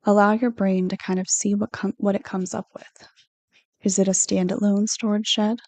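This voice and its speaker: A woman guides listeners through a meditation read from a script, sounding like a calm counselor. Her mellow voice holds a level pitch while she unhurriedly gives gentle directions. The recording has a close, echo-free quality.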